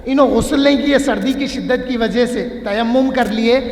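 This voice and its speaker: A man's voice: very high-pitched, a little mellow. A male religious scholar giving a mosque lecture, explaining points patiently through everyday examples. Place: large mosque hall. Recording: echoey hall with long reverb.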